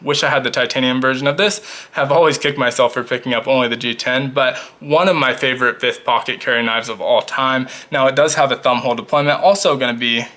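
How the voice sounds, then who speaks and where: A talkative man gives a casual product review of his pocket knives. His voice is bright and a bit forceful. He keeps wandering into chatty asides as he shows each piece at a table. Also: medium pitch, fairly even intonation, quick pace. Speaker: knife collection reviewer.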